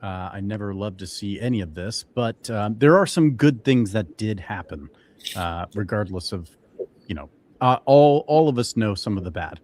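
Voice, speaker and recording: A man's voice: fairly low pitch, expressive, normal speed, darkish tone, a little hiss or hum. A young man co-hosting a casual crypto show, talking loosely with many fillers and restarts. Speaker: co-host.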